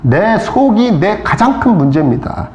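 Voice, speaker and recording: A male pastor delivers a sermon in a fairly high voice that swings widely in pitch. He peppers it with questions to the congregation and acts out voices from the story. The sound rings in an echoey church hall. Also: sing-song, unhurried, a little mellow, highs cut off, slight background noise. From South Korea. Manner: preaching with rhetorical questions and calls of amen; acts out crowd voices and rebukes. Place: church sanctuary.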